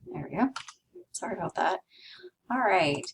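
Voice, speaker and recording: A woman's voice: medium pitch, huge pitch swings, moderate pace, gravelly, far from the mic, a little hiss or hum, low-quality recording. A woman teaching a history class in a conversational way, with asides to her students. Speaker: history instructor. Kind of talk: recorded lecture.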